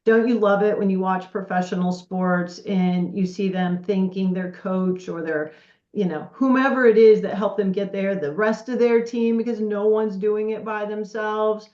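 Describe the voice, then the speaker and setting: A middle-aged woman guest on a podcast, chatting casually and telling stories in an animated way. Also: mid-range voice, moderate pace, reverberant, muffled recording. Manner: chatty, storytelling, animated quoting. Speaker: podcast guest, partnerships director. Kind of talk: casual conversational chat.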